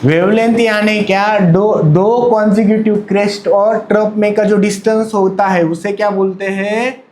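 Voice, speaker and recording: A man's voice: high-pitched, fairly even intonation, measured pace, darkish tone, a little hiss or hum. A male chemistry teacher lecturing a classroom. He asks the students questions, answers them himself, and calls on them to speak up. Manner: repeats questions and answers them himself, mixing Hindi and English.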